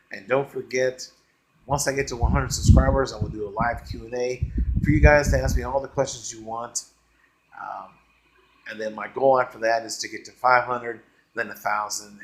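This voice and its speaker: Man, casual vlogger, unscripted movie review, halting with lots of fillers, enthusiastic, mid-pitched, faint background noise. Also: low-quality recording. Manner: rambling, halting, many "uh" and "um" fillers; enthusiastic, easygoing. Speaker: movie review channel host.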